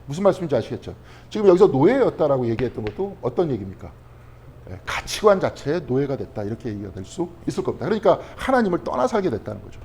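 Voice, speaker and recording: A man's voice: mid-range voice, sing-song, quick pace, darkish tone, a little hiss or hum. A male pastor teaching a Bible study class in a conversational way. He keeps asking the class questions and then answers them himself. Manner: conversational, checking in with frequent tag questions.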